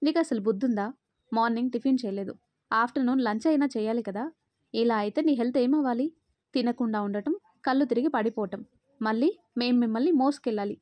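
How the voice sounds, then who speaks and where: A woman reading aloud, voicing a stern but caring young husband who scolds and then gently consoles. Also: a little high, quick pace, no room sound, close to an everyday voice. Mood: stern scolding.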